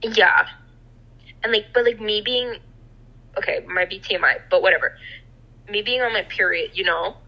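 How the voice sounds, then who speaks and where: A woman's voice: mid-range voice, moderate pace, long pauses, highs cut off. A young woman co-hosting a podcast, chatting casually and swearing freely. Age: young adult. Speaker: podcast co-host. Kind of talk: casual chat.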